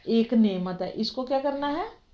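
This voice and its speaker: A woman's voice: a little high, animated. A woman with a Pakistani Urdu accent teaching children religion in an online class, often asking them questions to keep them involved. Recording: dull lo-fi audio.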